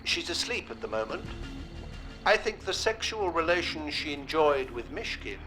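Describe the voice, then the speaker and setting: Too-smooth ship's AI, high voice, formal, clinical, precise, sci-fi TV drama, music behind. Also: male voice, very animated, moderate pace. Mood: detached. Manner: precise, matter-of-fact reporting. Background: music score.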